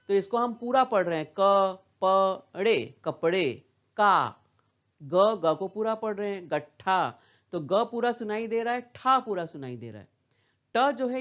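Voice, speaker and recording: In a slow classroom lesson for young children, a woman patiently says words again and again and asks the kids questions in return. Her voice is mid-range, and the recording has its highs cut off.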